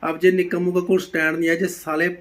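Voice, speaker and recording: A man's voice: high voice, flat delivery, fast talker, a bit bright. A man hosting a reaction video, ranting furiously and hurling abuse. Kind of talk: angry rant commentary.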